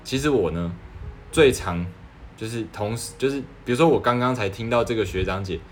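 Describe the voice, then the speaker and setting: A man's voice: medium pitch, a little fast, slight background noise. A man. He is a young doctor giving casual advice, earnest and persuasive, often asking rhetorical questions. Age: 20s.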